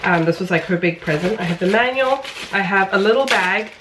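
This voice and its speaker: Talking briskly in a noisy setting, a woman in her thirties who vlogs about life as a mom of young kids chats at home in a rambling, self-deprecating way. Her medium-pitched voice sounds congested and pinched, like her nose is squeezed shut.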